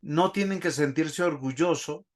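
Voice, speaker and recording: Preaching at an unhurried pace in a voice on the high side, a man leads a church Bible class. His manner is instructive, and he keeps putting questions to the congregation.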